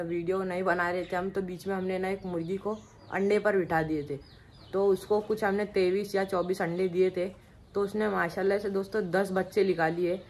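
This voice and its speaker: Guy doing a casual pet vlog by the coops, chatty and coaxing the birds, some faint clucking noise around. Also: high voice. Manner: chatty, keeps addressing viewers as friends; coaxes and scolds the animals loudly. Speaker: pet vlogger. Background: clucking hens and birds.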